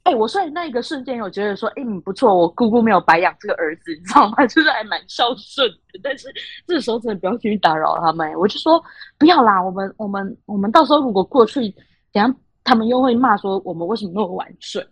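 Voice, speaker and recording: An animated young woman with a Taiwanese Mandarin accent tells a story as a podcast host. Her voice is husky and fairly high, and it swings up and down a lot. The recording is dry and close to the mic. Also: fast, dry recording. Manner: animated, laughs often, acts out quoted voices. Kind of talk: casual storytelling chat.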